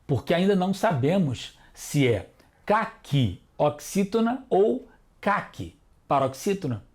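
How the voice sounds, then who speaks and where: A man with a Brazilian Portuguese accent teaching a televised children's lesson, calling out words slowly one at a time. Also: sits high, sing-song, darkish tone. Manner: slow, deliberate, spelling words out one by one. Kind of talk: scripted classroom instruction for children.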